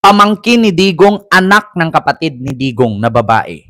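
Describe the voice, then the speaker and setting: A man's voice: on the high side, very animated, moderate pace, bright, forceful tone. A man hosting casual political commentary, rambling and mocking, and mixing English phrases into his talk.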